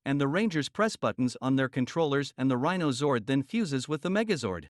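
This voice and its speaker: A young man narrating an amateur audiobook in a steady, plain storytelling manner. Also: mid-range voice, a little fast, dry recording, clean studio sound.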